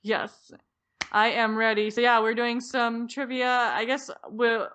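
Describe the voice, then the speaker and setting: A young woman co-hosting a podcast in casual chat, giggly and excitable, with quick bursts of delight. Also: a little high. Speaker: podcast co-host.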